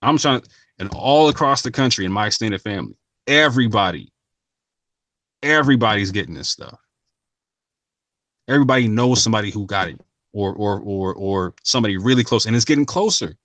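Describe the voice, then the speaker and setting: A man's voice: fairly low pitch, animated, fairly quick, pauses often, a bit bright, no room sound. A man talking casually and earnestly to his viewers, using slang and often repeating and restarting his phrases. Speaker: channel host. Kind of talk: casual talk to camera.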